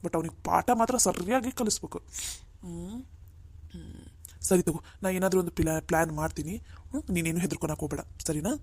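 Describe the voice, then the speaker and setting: A woman's voice: fairly low pitch, fairly quick, a little mellow, slight background noise, lightly acted. A woman voicing a firm, caring older brother in a cartoon, who reassures his sister again and again. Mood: reassuring. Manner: firm, reassuring, repeats "all right?". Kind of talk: cartoon voice acting.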